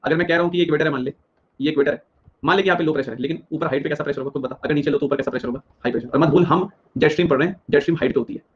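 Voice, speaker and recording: A young man leads a live exam-prep geography lecture, quizzing his students and chanting each answer back several times. He talks very fast in a somewhat high voice. The sound is dull and slightly lo-fi. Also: slight background noise. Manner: drills questions, repeats answers rapidly, addresses students directly. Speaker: teacher.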